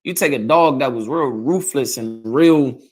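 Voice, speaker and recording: A man preaching a colloquial sermon, repeating himself and asking "you understand?" again and again, sometimes rising to loud emphatic bursts. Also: mid-range voice, unhurried. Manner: repetitive, asks "you understand?" often. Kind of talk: street sermon.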